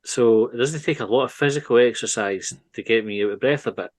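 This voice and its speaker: A Scottish man in casual comedy-podcast chat, swearing freely and rambling through his points. His voice sits at a middling pitch, recorded dry and close with no room sound. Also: a little fast, no echo. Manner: sweary, rambling, easily breaks into laughter. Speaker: podcast co-host.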